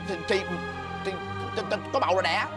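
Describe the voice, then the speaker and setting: Comedy sketch: a Southern Vietnamese man as a fast-talking, flustered husband, music bed. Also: sits high. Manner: excitable, stammering, quick to protest. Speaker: comic actor playing a drinking husband.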